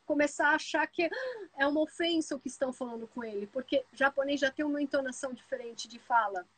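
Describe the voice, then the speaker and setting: A woman with a Brazilian Portuguese accent hosting a live stream, telling stories fast and full of asides. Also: sits high, dry recording, low-quality recording. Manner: lively storyteller, talks fast with many asides. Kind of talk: casual live chat.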